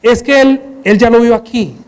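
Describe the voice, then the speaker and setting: A man preaching a sermon in church on a headset mic, animated, acting out scenes and firing rhetorical questions. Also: very high voice, normal speed.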